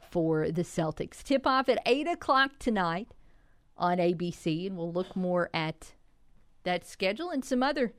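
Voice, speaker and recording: A woman's voice: medium pitch, clean tone, no room sound. A woman hosting a sports talk radio show, breaking down stats in a conversational way and taking calls. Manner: conversational, stat-driven analysis.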